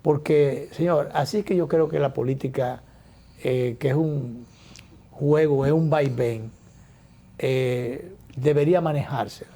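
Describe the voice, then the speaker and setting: A man hosting a talk show, offering political commentary in a measured, reflective way with frequent hesitations and restarts. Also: medium pitch, mellow.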